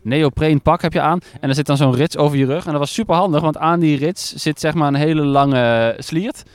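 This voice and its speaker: A man's voice: fairly high pitch, brisk, clear, resonant tone, no room sound. A man reporting from a lakeside jetty in the rain, chatty and curious, often stumbling over his words. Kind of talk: outdoor field report.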